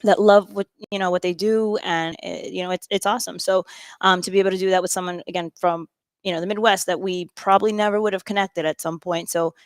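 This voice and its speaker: A woman's voice: fairly low pitch, fairly even intonation, fast, dry recording. Chatty woman chef, dry close sound. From Peru. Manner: chatty, lots of fillers and restarts, upbeat. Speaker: restaurant owner and chef. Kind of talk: casual interview. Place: restaurant.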